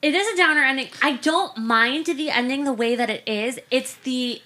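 A woman's voice: sits high, normal speed, sharp tone. A woman co-hosting a casual film podcast, talking animatedly and acting out movie lines. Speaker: podcast co-host.

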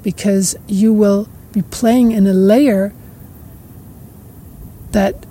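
Slow, musing woman. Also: medium pitch, fairly even intonation, slightly rough. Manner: slow, musing, with soft laughs and trailing repetitions. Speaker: podcast host. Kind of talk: reflective spiritual monologue.

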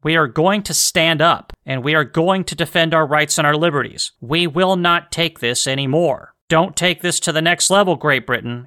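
An American man speaks in a fairly high, forceful voice, recorded close and dry. He gives impassioned podcast commentary like a rallying speech, hammering out emphatic declarations one after another. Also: dry recording. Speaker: history podcast host.

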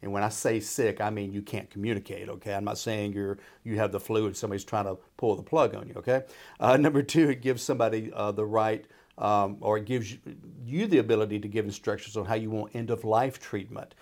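A man with a fairly low voice explains as an advisor on a radio show. He talks informally and folksily, checking that the listener follows. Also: steady tone, a little fast, darkish tone. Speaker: retirement planner and radio show expert. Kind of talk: conversational explaining.

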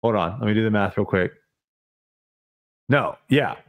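A man's voice: lowish voice, unhurried, narrow, tinny audio. A man in his thirties co-hosting a podcast, talking in an easygoing, self-deprecating casual chat. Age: 30s. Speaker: podcast co-host.

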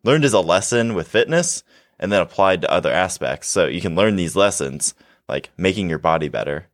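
Young man, podcast host, very deep voice, reflective, explains with analogies, dry sound. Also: expressive, fairly quick, dry recording. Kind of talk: casual podcast chat.

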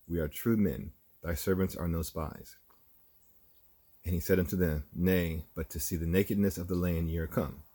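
A man reading scripture aloud in a measured, even way. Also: low-pitched. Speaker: scripture reader.

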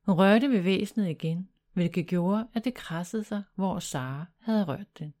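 Woman storyteller, mellow warm tone, lowish voice, calm bedtime story reading.

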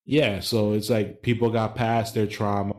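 A slightly low-voiced man co-hosting a casual podcast. He lays out his thoughts at length, leaning on fillers as he goes. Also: flat delivery, measured pace. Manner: conversational, explaining at length with fillers. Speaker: podcast co-host. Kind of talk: casual chat.

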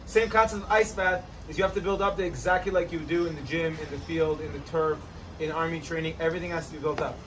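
A man hosting a casual outdoor chat, giving energetic, joking fitness advice beside an ice bath. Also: fairly high pitch, fast, far from the mic, slight background noise, poor audio. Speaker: host, trainer.

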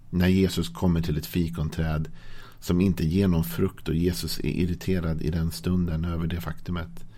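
A male pastor giving a gentle, conversational devotional sermon that speaks directly to the listener. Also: low-pitched.

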